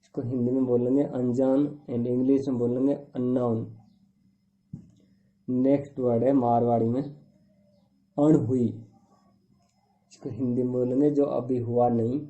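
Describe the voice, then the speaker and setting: A man's voice: mid-range voice, flat delivery. A man teaching a vocabulary lesson word by word, giving each word's meaning in plain, repetitive phrases. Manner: slow, repetitive listing of words with translations. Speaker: language teacher. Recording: tinny phone-like recording.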